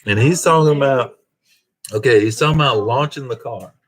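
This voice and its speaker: A man's voice: mid-range voice, a little fast, fairly bright tone. A man hosting a casual live stream, reading viewer comments aloud and chuckling in a laid-back way. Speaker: host of a car channel live stream.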